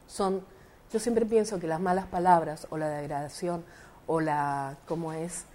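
A woman's voice: deep voice, steady tone, measured pace, dark tone. Indignant Argentine woman recounting a clash. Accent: Argentine Spanish (rioplatense voseo). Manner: indignant, emphatic storytelling with quoted dialogue. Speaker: interviewee, party representative and lawyer. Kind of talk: recounting an incident in an interview.

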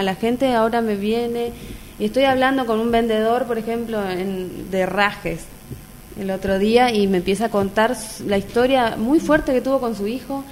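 Argentine woman, middle pitch, earnest personal testimony, open storytelling. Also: slight background noise. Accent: Argentine Spanish. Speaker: mother of three sharing her experience.

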